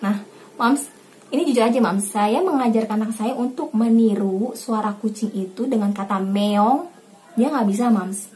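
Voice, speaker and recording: Her voice a little high and her pace moderate, a young mother from Indonesia leads a casual home tutorial on her parenting channel. She talks warmly to viewers she addresses as Mams, often repeating herself.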